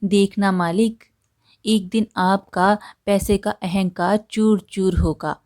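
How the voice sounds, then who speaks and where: A woman's voice: mid-range voice, steady tone, slow pace, a little mellow, lightly acted. Woman doing a poor pleading laborer. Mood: angry. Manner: pleading, humble. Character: poor humble male farm laborer, pleading.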